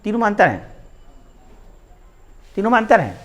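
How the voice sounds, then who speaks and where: Lively-voiced male Hindi grammar teacher. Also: high-pitched, moderate pace, highs cut off. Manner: repeats and quizzes the listener, rhetorical questions.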